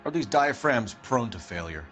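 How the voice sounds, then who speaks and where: A man's voice: mid-range voice, sing-song, normal speed, fairly bright tone, faint music behind. A man playing a stern, methodical 1940s police detective in a video game, formal and clipped. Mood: businesslike.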